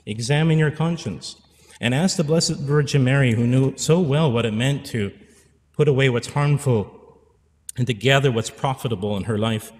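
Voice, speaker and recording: In a church sanctuary, a priest in his forties speaks into a stand mic at the pulpit, offering an earnest pastoral sermon and repeating phrases for emphasis. His mid-range voice holds a moderate pace and leaves a long reverb tail.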